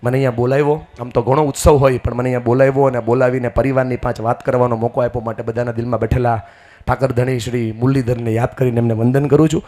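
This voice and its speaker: A man gives a folksy, rousing stage speech at a community wedding and leads the crowd in loud chants. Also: mid-range voice, little pitch movement, quick pace. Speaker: guest speaker at a community mass wedding.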